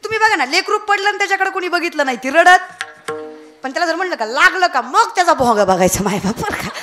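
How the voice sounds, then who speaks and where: A woman's voice: very high voice, animated, quick pace, a bit bright. Woman, kirtan preacher, comic storytelling, faint music behind. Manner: storytelling with sung verses and asides to the audience. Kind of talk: comic devotional kirtan sermon.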